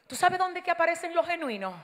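A woman pastor giving a fiery sermon, dropping to a hush and then shouting, urging the congregation to repeat her lines. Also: very high-pitched, expressive, fast. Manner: swings from hushed to shouting, urges the crowd to repeat lines. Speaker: guest pastor. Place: large church hall. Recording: long reverb of a big hall.

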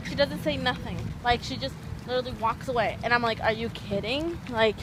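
A woman's voice: a little high, brisk. A young woman from Canada, chatting casually into a phone held at arm's length as she vlogs, rambling with lots of fillers. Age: young adult. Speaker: vlogger. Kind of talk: casual vlog chat. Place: outdoors in parking lots and streets, later a home kitchen. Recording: phone audio with clear street noise.

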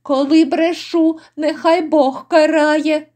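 A woman's voice: high-pitched, steady tone, slow, mellow, voice pushed up. A woman voicing a frightened, cringing old male innkeeper who pleads and wails. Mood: pleading. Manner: pleading, wailing.

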